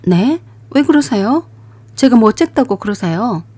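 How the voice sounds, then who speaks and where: A woman's voice: on the high side, very animated, measured pace, warm tone, slightly rough, no room sound, heavily acted. A woman voicing a young married woman in a radio drama, polite toward her mother-in-law yet defiant. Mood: indignant. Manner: polite, rising to indignant.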